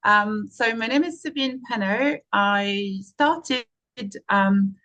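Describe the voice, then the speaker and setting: A woman in her forties from France, speaking as an interview guest, explaining her work steadily with frequent pauses. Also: mid-range voice, bright, forceful tone, highs cut off. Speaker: guest, fundraising and marketing consultant. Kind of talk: interview answer, casual.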